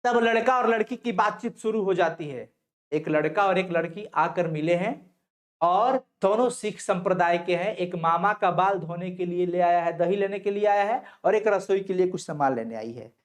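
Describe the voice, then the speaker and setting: A man's voice: high-pitched, normal speed. Male teacher, online class. Reads out a passage, explains it, and asks questions he answers himself, in a reassuring, coaxing way. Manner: reads the text aloud, then explains it and answers his own questions. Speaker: Hindi teacher.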